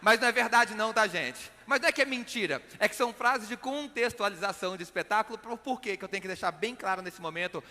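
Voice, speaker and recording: Speaking quickly with few pauses, this Belo Horizonte man's voice sits high, bright and forceful, carrying his Minas Gerais accent. He works the stage of a hall as a magician, comedian and motivational speaker, a chatty showman who repeats words to drive points home, and the hall sound is reverberant.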